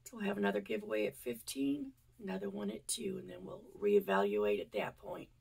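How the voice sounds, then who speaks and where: An American woman who runs a yarn channel chats casually to camera, rambling with lots of fillers and sounding stuffy and congested from a cold. Her voice is on the low side with huge pitch swings, a fairly quick pace, creakiness, slight roughness, and a somewhat mellow tone.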